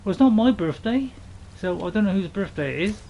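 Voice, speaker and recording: A man hosting a gaming channel, chatting and rambling through casual gameplay commentary, now and then bursting into loud excited shouts. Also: high voice, brisk, vocal fry, slight background noise.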